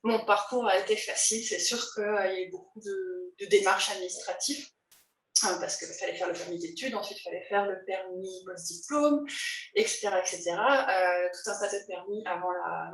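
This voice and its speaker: A woman's voice: mid-range voice, vocal fry, fairly bright tone, distant mic. A woman, an illustrator telling her own story in a recorded testimony, hesitant with many fillers, restarts and light laughs. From France. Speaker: illustrator and teacher. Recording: roomy, voice from the mic.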